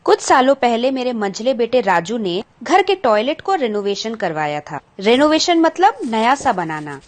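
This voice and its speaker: A woman's voice: a little high, big pitch swings, moderate pace. A woman teacher patiently explaining a school textbook chapter to children, glossing English words and asking the pupils questions.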